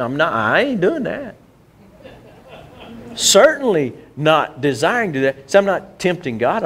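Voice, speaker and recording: Male pastor, slightly high voice, conversational sermon with frequent restarts. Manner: conversational preaching with frequent restarts and repeated words. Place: church.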